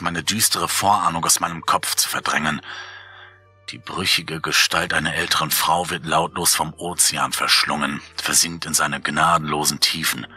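A man reading a horror story aloud as an audiobook narrator, in a calm, measured, somber way. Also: sits low, breathy edge.

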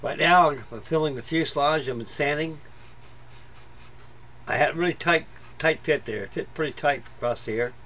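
With a slightly high, sharp-toned voice, this middle-aged man speaks at normal speed but leaves long pauses. He offers casual, plain-spoken commentary on a model build from his home hobby-room workbench, wandering along with many fillers and restarts.

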